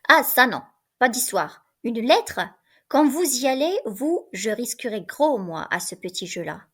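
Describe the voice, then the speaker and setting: A woman reading a gruff, self-important male guard. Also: on the high side, animated, measured pace. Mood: grumbling.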